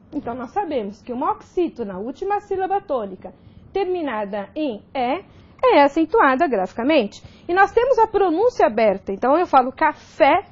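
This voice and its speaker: A woman's voice: sits high, darkish tone, lo-fi sound. A woman teaching grammar in a recorded video lesson, explaining step by step and checking in with frequent "ok?".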